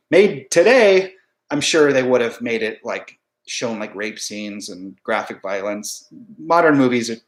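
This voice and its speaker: Young guy rambling thru his fave horror movies, lots of ums and restarts, average pitch, kinda echoey room. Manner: rambling, many restarts and fillers, amused. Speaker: video creator ranking horror films. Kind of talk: casual spoken ranking review.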